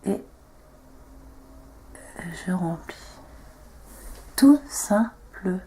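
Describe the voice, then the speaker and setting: A woman's voice: medium pitch, lively intonation, drawn-out words, dark tone, a little hiss or hum. A young woman chatting casually as she talks viewers through a makeup tutorial, joking at her own expense. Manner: chatty, self-mocking, talks viewers through each step. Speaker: beauty vlogger.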